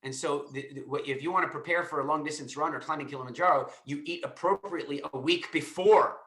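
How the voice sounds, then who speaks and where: Speaking quickly in a slightly high, fairly bright voice, this Estonia-based host takes a live call in a roomy-sounding space. He answers the caller emphatically, repeats himself a lot, and keeps restarting his sentences.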